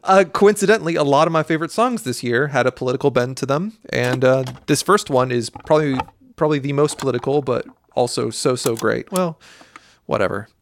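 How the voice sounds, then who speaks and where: A man's voice: medium pitch, brisk, slight background noise. A man hosting a music podcast in casual, enthusiastic chat, often rephrasing himself.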